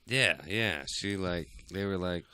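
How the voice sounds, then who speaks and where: A man's voice: low voice, a little slow, sharp tone, smooth. A young man co-hosting a casual podcast, laid-back and rambling, with a close mic and headphones on. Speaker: podcast co-host. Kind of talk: casual chat.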